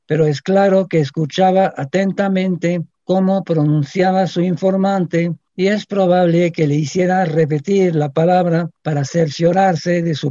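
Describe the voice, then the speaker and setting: A man giving a measured, formal reading of a scholarly essay on a radio program. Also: a little high, dark tone, no room sound. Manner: measured, academic delivery. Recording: dull, lo-fi radio sound.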